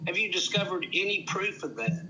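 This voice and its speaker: A man's voice: high voice, lively intonation, brisk, sharp tone, faint music behind, poor audio. An older man arguing in a heated debate, indignant and insistent, repeating himself for emphasis. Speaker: debater challenging evolution.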